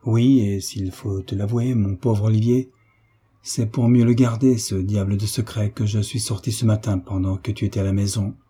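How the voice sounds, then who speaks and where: A man's voice: lowish voice, steady tone, moderate pace, dark tone, breathy edge. A man voicing a joyful older sailor, a veteran uncle who speaks in hearty exclamations.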